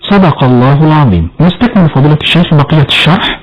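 A man's voice: on the high side, lively intonation, quick pace, over a noisy crowd. A man presenting a religious program, politely putting formal questions to the sheikh. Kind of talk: broadcast interview questions. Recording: dull lo-fi broadcast audio.

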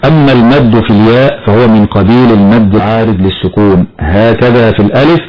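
A man teaching Quran recitation rules in a measured, explanatory way, chanting short verses slowly as examples. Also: fairly low pitch. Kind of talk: tajweed lesson with slow recited examples. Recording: dull lo-fi broadcast audio.

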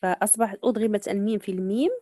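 A woman teaching Quran recitation, patiently explaining readings, slowly modeling words and checking that students follow. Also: medium pitch, steady tone, warm tone, no echo. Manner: patient, repeats points and checks understanding. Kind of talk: online tajweed lesson.

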